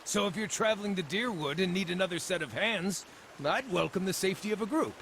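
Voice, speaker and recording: High-voiced game druid, wry, chatty, lively swings in pitch. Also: male voice, fairly quick, gravelly, slight background noise, full character voice. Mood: wry friendly. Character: cheerful wandering male druid, small scarred humanoid. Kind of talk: fantasy video game voice acting.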